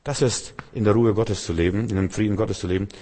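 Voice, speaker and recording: A man preaching a free-flowing sermon, talking straight to his listeners with rhetorical questions and swinging between loud exclamations and quiet asides. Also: on the low side, fairly even intonation, fast talker. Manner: addresses listeners directly, often with rhetorical questions.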